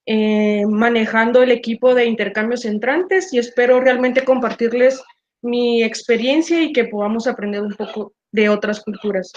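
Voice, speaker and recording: A woman in her twenties from Guatemala, with a fairly high voice, introduces herself on a webinar. She sounds friendly and upbeat. The audio is dull, low-fidelity video call sound. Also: steady tone, normal speed. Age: 20s. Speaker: student organization team lead. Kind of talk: panel self-introduction.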